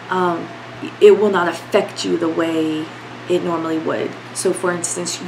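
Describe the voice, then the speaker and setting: Sitting indoors in her bedroom, a young woman with a voice on the low side vlogs while blocked up with a cold. Candid and rambling, she leans on fillers throughout, against a noisy background.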